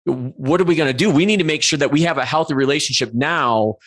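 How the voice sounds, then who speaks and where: A man's voice: a little high, fast, a bit bright. A man in his forties hosting an interview, talking earnestly and restarting his sentences often. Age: 40s. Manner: earnest, self-correcting with frequent restarts. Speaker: podcast host. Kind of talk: conversational interview.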